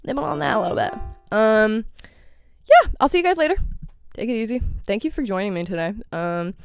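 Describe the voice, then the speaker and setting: A woman's voice: on the high side, lively intonation, brisk, gravelly, clear, resonant tone, faint music behind. A young woman hosting a casual solo podcast, rambling in a playful way and swearing freely. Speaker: podcast host.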